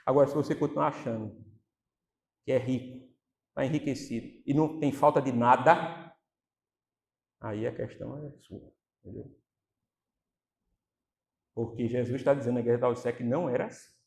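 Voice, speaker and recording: A man preaching a sermon as pastor, animated, acting out quotes and putting questions to the congregation. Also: medium pitch, fast talker.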